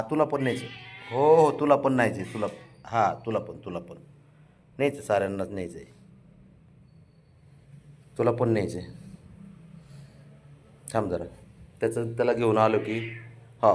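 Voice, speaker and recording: A man's voice: fairly low pitch, a little mellow, slight background noise. A man, chatting casually to his dog on a home vlog, coaxing and scolding it with affection. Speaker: pet owner filming his dog. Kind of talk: casual vlog, talking to pets.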